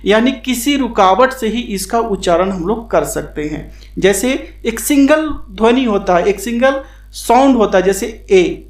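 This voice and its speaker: Male tutor for a beginners' lesson; patient and repetitive, asks questions and answers them; roomy echo. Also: high-pitched. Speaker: English grammar teacher. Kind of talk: explanatory classroom lesson. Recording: echoey room.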